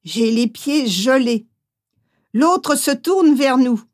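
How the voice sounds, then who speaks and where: A woman reading a first-person memoir aloud, gently, acting out the voices she quotes. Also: sits high, lively intonation, slow. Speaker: audiobook reader.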